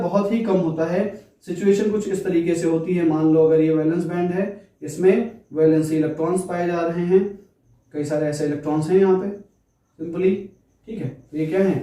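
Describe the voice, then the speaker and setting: A man's voice: a little high, warm tone. A man teaching physics, asking questions and answering them himself. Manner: asks questions and answers them himself, repeats key terms; mixes Hindi with English phrases. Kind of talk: classroom lecture. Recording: echoey room, far from the mic.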